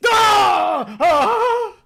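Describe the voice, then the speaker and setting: A woman's voice: extremely high pitch, expressive, creaky, fairly bright tone, shouting, a little hiss or hum, heavily acted. A woman playing a suave, courtly, menacing vampire count in an old-style radio drama. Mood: menacing, furious. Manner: formal, courtly, deliberate. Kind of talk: vintage radio drama acting.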